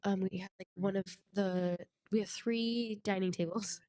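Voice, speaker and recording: A woman's voice: medium pitch, fairly even intonation, normal speed, dark tone, dry recording, clean studio sound. A young woman co-hosting a podcast, chatting casually with a stuffed-up nose and a rambling, self-correcting way of talking. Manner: chatty, rambling, frequent restarts and laughs. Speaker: podcast co-host. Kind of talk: casual chat.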